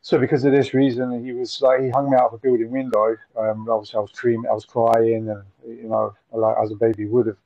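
In a casual storytelling interview, a Nottingham guest in his forties talks in a warm, level, mid-range voice, stopping and starting with repeated words and frequent fillers. There's no echo. He's on a video call from a room at home with window blinds, and the sound is dry and muffled.

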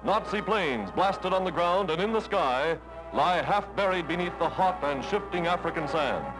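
An old newsreel voice: a man announcing in a brisk, emphatic manner, pitched high and swinging widely in tone. Loud brass music plays under him throughout. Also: animated, poor audio. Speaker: newsreel narrator. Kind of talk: 1940s newsreel narration.

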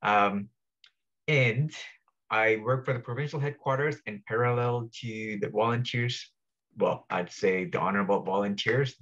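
A man's voice: fairly low pitch, a bit bright. A man from Hong Kong giving a polite, slightly hesitant greeting to a video call. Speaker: staff member. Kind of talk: brief greeting. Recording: dull lo-fi video call audio.

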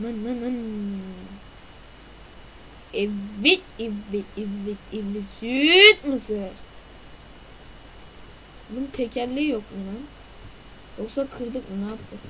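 A woman commentating her own gameplay in a chatty, excitable way, talking straight to her viewers. Her voice sits a little high and rings bright and sharp. She slips easily into goofy noises and mock anger at the game. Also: a little hiss or hum, rough recording. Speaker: gaming video host. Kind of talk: let's play gameplay commentary.

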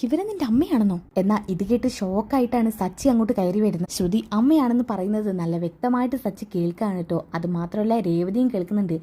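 Lady recapping a serial, husky, mellow dark tone, fast and chatty. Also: medium pitch. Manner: chatty, adds tag words, quick. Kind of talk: casual storytelling narration.

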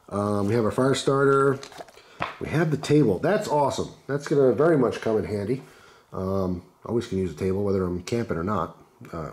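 A man with a hoarse, congested voice from the flu, casually reviewing gear in a laid-back, chatty way. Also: medium pitch, a little mellow, a little hiss or hum. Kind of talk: casual unscripted product commentary. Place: indoors at a wooden table.

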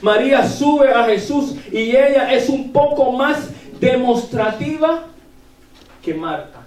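A man preaching a sermon in church, animated, rising to shouts and checking in with the congregation. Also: extremely high pitch, slow. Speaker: pastor. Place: church sanctuary. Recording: echoey church, voice from far off the mic.

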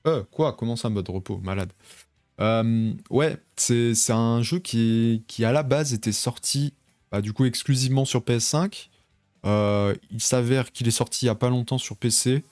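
A man's voice: medium pitch, normal speed, a little mellow, no room sound, soft background music. A young man casually chatting with his viewers during a home live stream, rambling and reading out chat messages. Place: home bedroom.

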